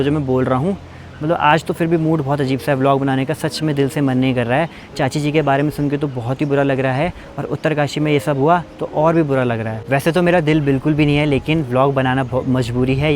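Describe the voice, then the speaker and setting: A man's voice: medium pitch, a little hiss or hum. A young man from Uttarakhand, vlogging in a casual, chatty way while walking outdoors in hill country. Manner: chatty, leaning on fillers and loose restarts.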